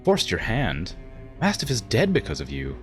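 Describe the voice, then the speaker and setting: A man's voice: fairly low pitch, huge pitch swings, normal speed, faint music behind. A man voicing a wounded but resolute noblewoman leader in a video game, speaking formally and earnestly. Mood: hurt, accusing. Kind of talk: reading game dialogue aloud.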